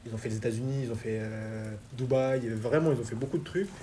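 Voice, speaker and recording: A man's voice: medium pitch, fast talker, slight background noise. A young man hosting a casual chat about anime, talking loosely in slang with lots of fillers. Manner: relaxed slangy talk with many fillers. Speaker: host.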